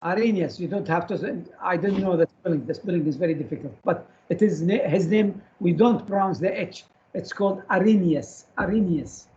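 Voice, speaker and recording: A man's voice: sits high, brisk, few pauses, mellow, muffled recording. A man lecturing a class on chemistry, firing short questions at students and repeating key terms so they stick.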